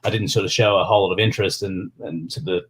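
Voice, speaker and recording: A man's voice: low-pitched, fairly even intonation, quick pace. An Australian man chatting casually as an interview guest, rambling and leaning on filler phrases. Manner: rambling, peppered with "you know" and "sort of". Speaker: podcast guest, sports business executive.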